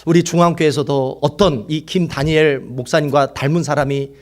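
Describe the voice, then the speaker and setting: Fervent pastor with a higher voice. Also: male voice, fairly even intonation, brisk. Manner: fervent preaching, swings between loud exclaiming and hushed whispers; calls on the congregation to repeat lines after him. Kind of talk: sermon.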